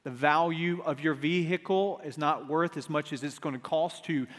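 Male pastor, high voice, preaching at a pulpit microphone, long hall reverb, stumbling restarts on questions. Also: moderate pace, a bit bright. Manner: rhetorical questions with repeated restarts. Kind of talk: sermon. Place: church sanctuary.

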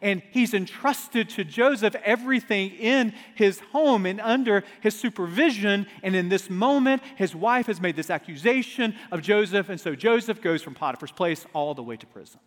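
Male pastor, high voice, preaching at a pulpit microphone, long hall reverb, stumbling restarts on questions. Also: expressive, normal speed, hardly any pauses. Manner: rhetorical questions with repeated restarts. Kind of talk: sermon. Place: church sanctuary.

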